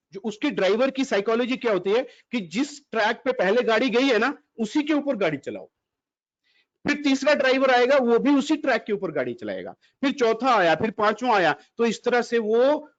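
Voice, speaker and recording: Man, high voice, animated online talk, dull lo-fi audio. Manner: animated, mixes Hindi and English, quizzes the audience. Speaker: motivational speaker. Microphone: computer mic in an audio-only video call.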